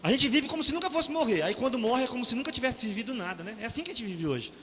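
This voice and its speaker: A man's voice: very high voice, big pitch swings, very fast, sharp tone. A middle-aged Brazilian man preaching a conversational sermon, telling personal stories, often ending phrases with a questioning "né?" and acting out other people's voices. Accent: Brazilian Portuguese. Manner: conversational, frequent "né?" tag questions; acts out quoted voices in storytelling. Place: church hall. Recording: reverberant hall, faint ambient noise.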